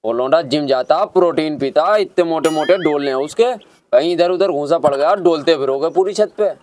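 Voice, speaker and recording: A man plays a boastful, foul-mouthed uncle in a village comedy sketch. He speaks in a fairly high voice and keeps up a steady stream of crude mockery. Soft music plays underneath. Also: a little fast, lightly acted. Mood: mocking. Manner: mocking, crude, theatrical scolding.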